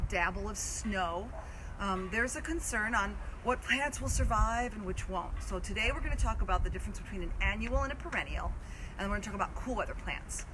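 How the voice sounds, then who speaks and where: A woman hosting an informal live gardening explainer outdoors, explaining in a halting, stop-and-start way. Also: mid-range voice. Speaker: host of community garden live video. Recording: outdoor live video, clear ambient noise.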